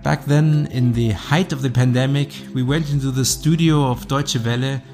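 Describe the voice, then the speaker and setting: A man delivers a measured, scripted podcast introduction as host. His voice sits at an average pitch. Faint music plays underneath. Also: steady tone, a little mellow.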